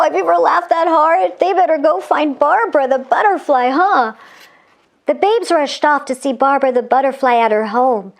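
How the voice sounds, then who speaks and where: A woman with a high-sitting voice, a children's storybook reader and channel host, gives an animated read-aloud. She exclaims, chuckles and speaks directly to her young listeners.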